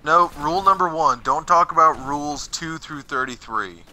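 A man's voice: on the high side, moderate pace, pushed and bright, slight background noise, rough recording. A young man chatting casually and crudely, with plenty of swearing, in a gaming voice chat. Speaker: online gamer.

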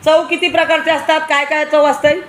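A woman with a fairly high voice and a Marathi accent leads a class of small children. She keeps quizzing them and coaxing them to speak up. A faint hiss of noise sits under her voice. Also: flat delivery, brisk. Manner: questioning, coaxing children to answer louder. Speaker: preschool teacher. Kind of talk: classroom teaching to young children.

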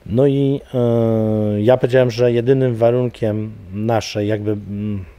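A man's voice: lowish voice, fairly even intonation, a little slow, dark tone, clean tone, no echo. A middle-aged man, an MMA coach, talking casually in an interview, rambling with many fillers and repeated words. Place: studio with banner backdrop.

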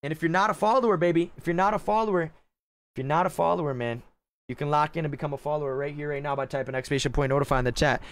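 A young man live-streaming game commentary and chat in a hyped, slangy gamer-bro manner, talking into a close boom mic. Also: very fast. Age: young adult. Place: small bedroom streaming setup, indoors. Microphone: boom-arm studio mic with headset. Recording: loud game noise behind the voice.

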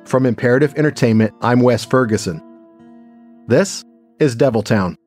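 A male journalist from East Texas narrates a documentary podcast in a measured, even voice of middling pitch. Soft music plays quietly beneath his scripted lines.

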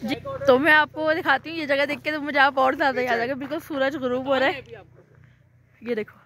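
A woman's voice: high-pitched, steady tone, a little fast, fairly bright tone. A woman, chatting casually in a travel vlog as a mother out with her family, exclaiming at the views. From Pakistan. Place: outdoors on a cold hill station street.

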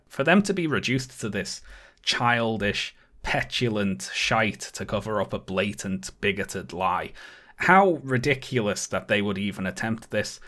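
A man with a fairly low voice talks through a scripted video essay. His tone is sarcastic and indignant, and he leans hard on key words as he makes his case. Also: fairly bright tone. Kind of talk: scripted commentary.

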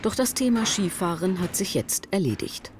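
Female narrator for a TV report, measured studio read. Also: medium pitch, animated, background noise. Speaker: documentary narrator. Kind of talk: scripted narration. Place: studio voice-over.

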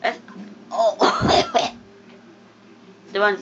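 A young woman giving casual, excitable commentary while playing a game, mumbling one moment and yelping the next. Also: mid-range voice, a little slow. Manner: excitable, giggly, swings from mumbling to loud yelps. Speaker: gamer. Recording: dull lo-fi home recording with faint noise.

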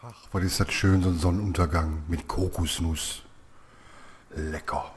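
A man giving casual let's play commentary as a gaming creator in a relaxed, subdued way. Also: deep voice, unhurried.

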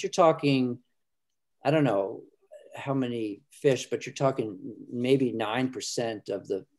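Speaking from a room at home over a webcam video call, a middle-aged filmmaker guest talks in a medium-pitched, darkish voice. He is earnest but halting, and he keeps restarting his sentences in this casual discussion.

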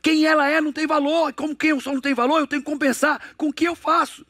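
Speaking quickly in a level tone, a middle-aged Brazilian coach and motivational speaker with a Brazilian Portuguese accent lectures emphatically and fires rhetorical questions at his audience. When he acts out dialogues, he drops to a hushed, lowered voice. The studio-quality audio has no room sound.

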